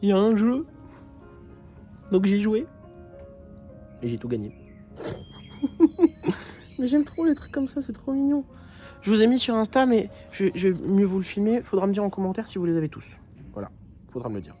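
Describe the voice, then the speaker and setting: A man's voice: high voice, sing-song, a little fast, pauses often, dark tone. A man chatting enthusiastically as he vlogs his walk around a theme park, filming himself on a phone. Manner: chatty and enthusiastic, often restarts phrases. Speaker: vlogger. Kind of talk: casual vlog chat. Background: music.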